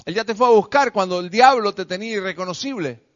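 A man preaching a sermon to a congregation, emphatic and repetitive, swinging between loud declarations and quiet, soft lines. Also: high-pitched, fast. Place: church service with a congregation. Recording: dull lo-fi recording.

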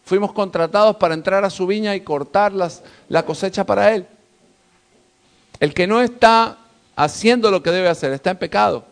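High-pitched male pastor delivering an impassioned sermon. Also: moderate pace, vocal fry. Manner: fervent preaching with rising, emphatic exhortations.

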